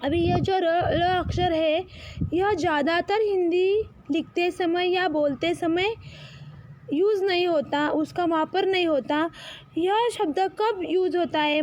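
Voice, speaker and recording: Woman teacher, Marathi native, very high voice, slow patient drills of letters for kids. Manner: slow, drawn-out, patient, calls out letters for repetition. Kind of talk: children's Hindi alphabet lesson.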